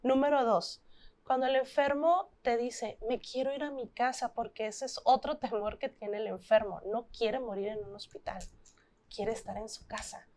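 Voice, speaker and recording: A woman with a Mexican Spanish accent, speaking as a guest in an interview, gentle and earnest, slowing down for emphasis. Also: fairly high pitch, steady tone. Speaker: thanatologist guest. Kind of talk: interview talk.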